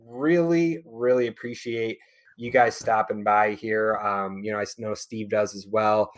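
A man hosting a fantasy football podcast and signing off the show in a relaxed way, with plenty of ums and you-knows. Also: on the low side, a little slow. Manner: relaxed, filler-heavy, friendly. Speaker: podcast host. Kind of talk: casual podcast sign-off.

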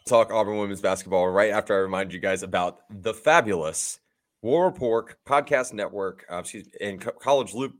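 A man's voice: on the low side, a little fast. A young man co-hosting a casual sports podcast, rambling upbeat through ad reads and laughing at his own stumbles. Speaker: podcast co-host.

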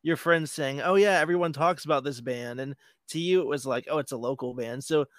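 A man from Florida, a podcast guest and band member, talking in a relaxed, easygoing casual chat. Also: fairly high pitch, a little fast, dry recording, studio quality.

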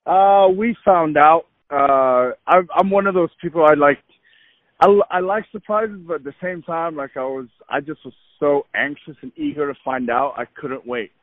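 A man in his thirties from Egypt, a podcast guest telling his story in eager, animated casual chat, with plenty of uhs and likes. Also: on the high side, moderate pace, no echo. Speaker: podcast guest, fitness trainer. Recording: tinny phone-line audio, dry.

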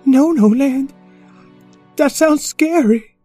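A woman voicing a timid, excitable little boy puppy who talks in an anxious, eager whine. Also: takes it slowly, soft background music. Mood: startled. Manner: anxious, whiny, high and eager.

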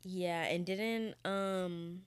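A woman's voice: fairly low pitch, fairly even intonation, drawn-out words, clear, resonant tone. A young woman co-hosting a podcast, telling a story in casual chat and laughing often. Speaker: podcast co-host.

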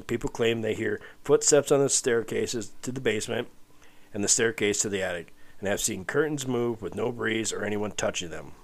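A man co-hosting a casual podcast, chatting and reading out stories with crude, wry humor. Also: mid-range voice. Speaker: podcast co-host. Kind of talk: casual podcast chat with read-out ghost stories.

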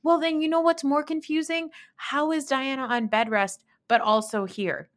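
With a high-sitting voice, steady tone and normal speed, a woman in her thirties hosts a podcast of casual, blunt reality TV opinions. She swears a lot, retells things with emphasis, and imitates others when she quotes them.

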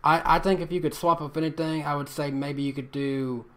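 Man, live-stream host, reads chat messages, stammers and repeats words, slightly high voice. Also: fairly even intonation, fairly quick, bright, forceful tone. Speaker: podcast host reading super chats.

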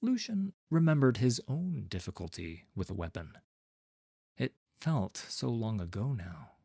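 A man reading a fantasy story aloud as narrator, with a dramatic, expressive delivery. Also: medium pitch, a little slow, gravelly, breathy edge, dry recording, studio quality.

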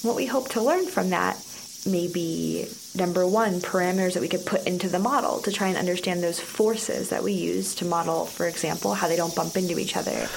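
Low-voiced woman, noisy cave field recording. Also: brisk, creaky. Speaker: mechanical engineer, field researcher. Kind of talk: explanatory field interview. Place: inside a large cave. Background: insect-like chirping and hum, bats overhead.

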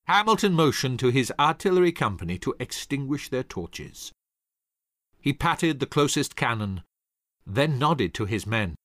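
A man's voice: medium pitch, sing-song, unhurried, fairly bright tone, no room sound, studio quality. A man narrating a scripted history story dramatically, acting out the voices of the people in it. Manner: dramatic, acts out quoted voices.

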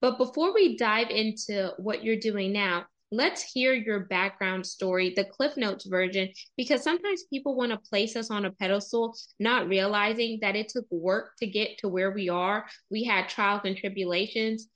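A woman, hosting a podcast interview in an energetic, playful way. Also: mid-range voice, normal speed, hardly any pauses. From Texas, US. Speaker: podcast host.

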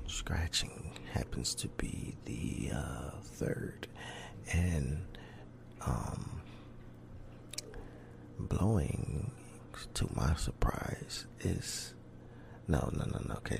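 A man speaking soft ASMR in a rough, deep, hushed voice that slips into whispering, slow and halting. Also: background noise. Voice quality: deep, rough, breathy low voice. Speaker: ASMR video creator.

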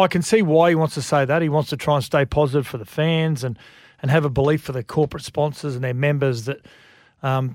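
An Australian man giving opinionated sports talk as a rugby league pundit, thinking aloud in a halting way. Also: mid-range voice, darkish tone, no echo, clean studio sound.

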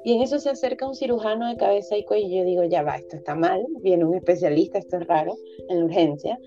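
A young woman with a very dark, mellow voice tells her story as a podcast guest, candidly and with plenty of hesitation. The audio sounds dull and lo-fi, and faint music plays underneath. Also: lowish voice, fast. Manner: candid, emotional, many hesitations. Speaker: guest, physician.

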